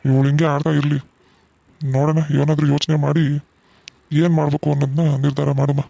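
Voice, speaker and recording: Man voicing cartoon father, soothing, dark mellow tone, monotone. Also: fairly high pitch, fast, vocal fry, no room sound. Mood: comforting. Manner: soothing, reassuring. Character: gentle middle-aged village father, reassuring. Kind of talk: cartoon voice acting.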